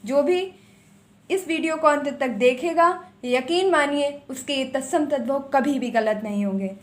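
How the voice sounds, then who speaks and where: A woman with a high voice teaching an exam-prep vocabulary lesson. She rattles through word lists and repeats the important ones for emphasis. She speaks straight to her viewers in a firm, coaxing way. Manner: drills words in quick lists, repeats key items for emphasis.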